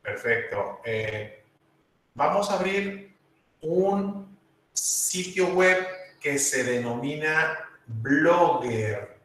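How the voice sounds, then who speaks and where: A man's voice: a little high, animated, extremely slow, fairly bright tone, distant mic. Male teacher, patient step-by-step delivery, very echoey room, a bit off-mic. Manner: patient, step-by-step, repeats instructions. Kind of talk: online class instruction.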